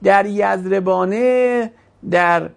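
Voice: medium pitch, gravelly. A teacher giving a grammar lesson to a class, asking questions and drawing out words while explaining.

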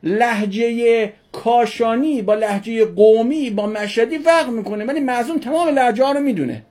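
A woman's voice: a little high, darkish tone. A woman teaching a religion class who asks her students questions and answers them herself, repeating key words for emphasis.

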